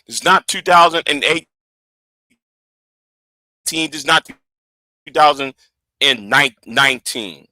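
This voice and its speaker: A man's voice: medium pitch, lively intonation, unhurried, long pauses, pushed and bright, dry recording. A man in his forties hosting a livestream, talking heatedly to his audience, stammering and repeating words as he defends himself. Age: 40s. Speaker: livestream host.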